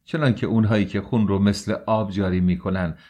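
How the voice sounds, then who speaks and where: A man's voice: low voice, expressive, darkish tone. A man voicing a proud, tormented young man who argues heatedly and bitterly.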